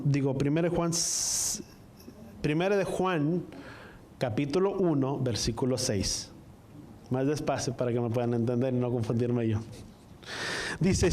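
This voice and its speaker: A male preacher with a slightly raised pitch leads a sermon, drawing out each line of scripture. He keeps turning to the congregation with questions and asks them to say the words back to him. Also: dark tone, a little hiss or hum. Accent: Spanish-speaking, from the US-Mexico border. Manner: call-and-response, asks the congregation to repeat after him; reads scripture slowly, line by line. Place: church service, also streamed online.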